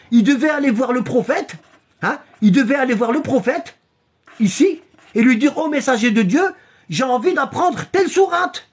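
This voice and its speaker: Husky, emphatic voice teaching religion live. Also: high voice. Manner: repetitive and emphatic, with constant "hein?" checks; reads and shows passages from a book. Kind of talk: live-streamed religious lecture.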